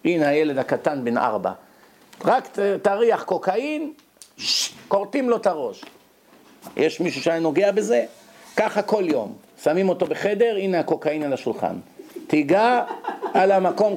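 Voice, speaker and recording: A middle-aged man giving a storytelling sermon as a rabbi, acting out the characters he quotes. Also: sits high. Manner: animated, acts out quoted characters.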